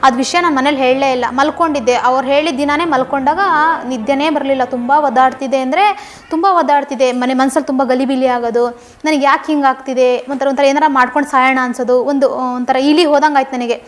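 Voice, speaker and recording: A woman's voice: high-pitched, fairly even intonation. A young woman giving a personal testimony in an interview, telling her story earnestly and repeating herself for emphasis. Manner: fast, earnest storytelling with repetitions.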